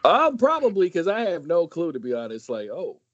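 This casual podcast chat features a San Diego man in his late thirties talking at normal speed, swearing freely, his voice jumping high when he gets animated. The recording has no room sound and the highs are cut off.

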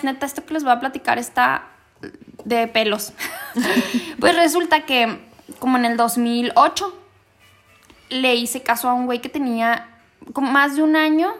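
High-voiced expressive Mexican woman. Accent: Mexican Spanish. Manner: expressive, slangy, jokey. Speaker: podcast co-host. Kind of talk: casual storytelling chat.

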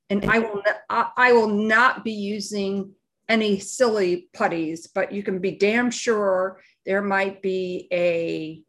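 A woman co-hosting a live podcast, giving unscripted opinions in a halting, deliberate way as she searches for words. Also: medium pitch, fairly bright tone. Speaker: live show and podcast co-host.

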